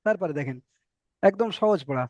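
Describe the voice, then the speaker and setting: A high-voiced man teaches an online Quran reading class, patiently spelling out Arabic letters and stretching them out slowly. He sounds animated and a little mellow, with a dry, close, dull lo-fi quality from the call and no room sound.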